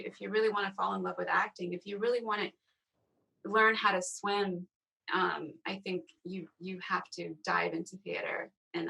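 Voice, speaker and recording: Woman, actor, panel talk, very gravelly fry, thoughtful, searching for words, video call. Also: lowish voice, sharp tone, low-quality recording. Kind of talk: reflective casual panel talk.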